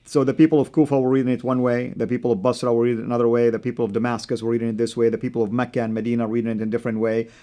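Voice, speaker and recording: A Saudi-born man whose first language is Arabic, speaking English with an American accent, hosting a studio discussion in a measured way with many fillers. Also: mid-range voice, level tone, warm tone. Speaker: host.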